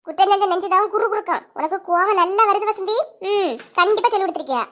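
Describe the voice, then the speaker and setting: Very high-voiced quarrelling village woman, as a woman voices her. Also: fast. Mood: quarrelsome. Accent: Kanyakumari Tamil. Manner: sharp quarrelling, scolding and accusing. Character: bickering village women neighbours, quick-tempered. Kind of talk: cartoon comedy voice acting.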